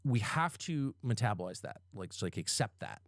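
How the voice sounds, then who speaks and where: A man in his fifties talking as a guest in a casual podcast conversation, emphatic and animated, swearing freely as he makes his points. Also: fairly low pitch, moderate pace, no room sound, studio quality. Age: 50s.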